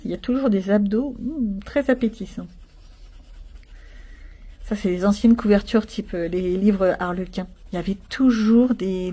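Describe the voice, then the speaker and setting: A woman hosting a coloring channel chats casually with viewers while coloring a picture with pencils, thinking out loud as she works. Her voice is mid-range, dark in tone, and husky.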